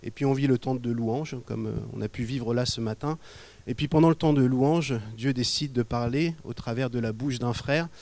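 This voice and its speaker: Conversational French pastor telling a story. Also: male voice, mid-range voice, moderate pace. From Normandy, France. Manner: conversational, animated, drops to quiet asides. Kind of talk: sermon with storytelling. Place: church.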